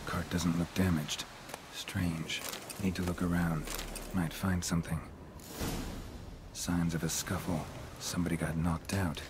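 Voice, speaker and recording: An actor playing a grim, terse male monster hunter in a video game, speaking in short, gravelly lines. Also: sits low, little pitch movement, measured pace, background noise. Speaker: player character.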